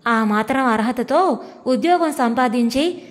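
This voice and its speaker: A woman's voice: sits high, expressive, a little slow, in a large hall. A woman reading the part of a mocking husband who scolds his wife with sneering contempt. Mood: scornful. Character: scornful, mocking husband, a grown government clerk.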